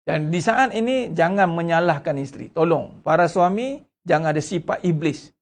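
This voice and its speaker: A male religious teacher with a Malaysian Malay accent delivers an emphatic lecture in a raised, gravelly voice. He keeps firing rhetorical questions at his listeners and drives each point home with rising pitch.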